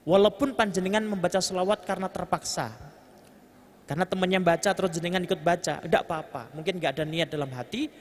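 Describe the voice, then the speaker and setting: In a large mosque hall, a preacher with a Javanese accent delivers a sermon with kitab reading, translating the Arabic phrase by phrase. His voice is high and quick, and he jokes with the congregation and leads the chanting. Long hall reverb and faint ambient noise fill the recording.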